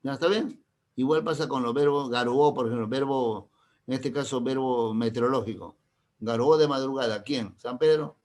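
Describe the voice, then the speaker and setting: A middle-aged man, teaching a classroom grammar lesson. He keeps checking that the class understands with quick questions and uses playful, teasing examples. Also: medium pitch, darkish tone. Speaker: language teacher.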